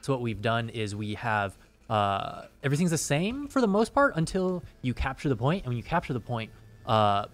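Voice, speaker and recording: A man's voice: medium pitch, very animated, normal speed. A man presenting game updates as a developer in casual, explanatory show talk.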